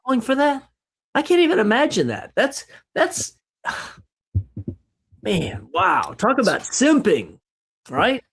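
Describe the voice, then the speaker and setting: A man with a somewhat high voice leads a lively Bible study over a livestream. He talks in bursts of exclamation and fires off rhetorical questions, often tagging them with "right?". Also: slow, long pauses, husky. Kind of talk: animated Bible study discussion.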